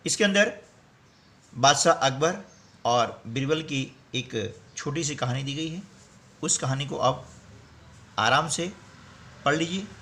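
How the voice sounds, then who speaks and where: A man's voice: fairly high pitch, lively intonation, slow, pauses often, bright, forceful tone. A man teaching a workbook lesson, explaining step by step and often checking in with his students.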